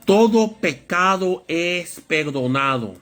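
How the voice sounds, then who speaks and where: A man preaching a Bible study sermon, with a lively storytelling manner that acts out voices in anecdotes. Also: sits high, slow.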